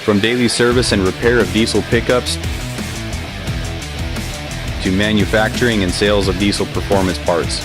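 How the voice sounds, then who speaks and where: A man's voice: fairly low pitch, fairly even intonation, normal speed, long pauses. A man giving scripted commercial narration as the voice of an advertisement. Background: guitar music.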